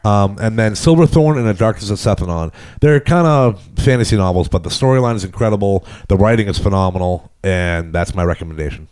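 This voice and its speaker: A man with a deep bass voice chatting casually as a podcast co-host. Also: brisk, hardly any pauses, darkish tone, clean tone. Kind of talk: casual chat.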